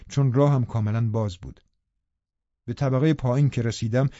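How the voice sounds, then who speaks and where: A man reading a classic novel aloud as an audiobook narrator, slow and measured. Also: medium pitch, mellow, no room sound. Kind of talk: scripted narration. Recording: dry, slightly dull home recording.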